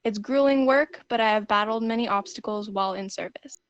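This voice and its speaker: A woman's voice: medium pitch, fairly quick, smooth, dry recording, dull audio, close to an everyday voice. A woman playing an earnest, dutiful young army nurse in a scripted 1940s war radio interview. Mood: solemn, steadfast. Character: dutiful patriotic army nurse aged twenty-two.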